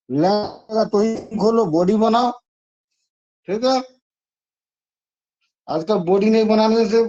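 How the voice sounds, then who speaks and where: The sound is dull and lo-fi. His voice sits high and a little mellow as he leads an exam-prep session, talkative and repetitive, gently pushing students to use memory tricks.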